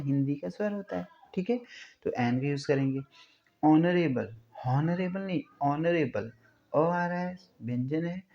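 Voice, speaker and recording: A man gives a classroom-style grammar lesson in a dark, mellow voice, slowing down to stretch out each sound he is demonstrating. He keeps checking in with his listeners. The recording is somewhat dull and lo-fi. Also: mid-range voice. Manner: explains step by step, often asking the listener "clear?"; stretches out sounds slowly to show pronunciation. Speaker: English teacher.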